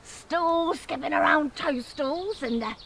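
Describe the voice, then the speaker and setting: Scolding old woodland witch, northern English accent, slow, piercing, wicked, cackling, theatrical storytelling. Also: high-pitched, vocal fry, a bit bright, a little hiss or hum, heavily acted. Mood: mocking.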